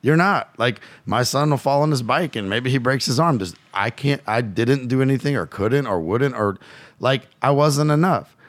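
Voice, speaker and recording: A man's voice: mid-range voice, expressive, moderate pace, dry recording. A man from Louisiana, a podcast guest who coaches fathers, telling a personal story bluntly and swearing freely. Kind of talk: candid storytelling.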